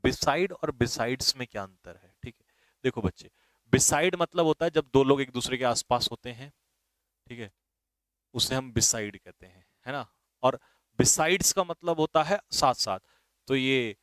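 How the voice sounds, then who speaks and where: A man's voice: mid-range voice, fairly bright tone, no room sound. A man teaching English vocabulary for an exam, often checking whether his students have understood. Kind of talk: exam vocabulary lesson in Hindi.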